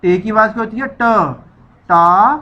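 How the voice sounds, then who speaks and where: Woman teacher, bright crisp voice, slow drawn-out syllables, children's reading lesson, dull lo-fi recording. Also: medium pitch. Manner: slow, drawn-out syllables, repeating each sound for children to echo.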